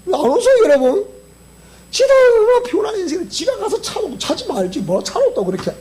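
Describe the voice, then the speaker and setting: A male pastor with a Gyeongsang accent, preaching a sermon in an animated way and often quizzing the congregation. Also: very high voice, fairly quick. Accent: Gyeongsang Korean. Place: church sanctuary.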